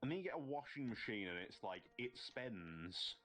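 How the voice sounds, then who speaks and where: A man's voice: mid-range voice, big pitch swings, moderate pace, fairly bright tone, faint music behind. A man chatting casually with a friend, ranting in a rambling way full of fillers and swearing. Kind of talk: casual chat.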